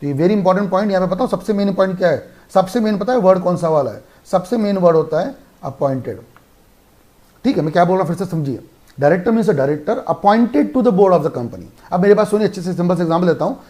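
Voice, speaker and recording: A man's voice: high-pitched, expressive, fast talker, darkish tone. An Indian man giving a law revision lecture, emphatic, asking questions and answering them himself. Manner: emphatic, asks and answers his own questions. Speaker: law teacher.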